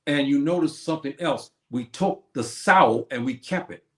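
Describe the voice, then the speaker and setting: A stream host gives a preachy talk on history, putting questions forward and then answering them on his own. His mid-range voice is a bit bright and goes at a normal speed, recorded on a streaming setup in an echoey room.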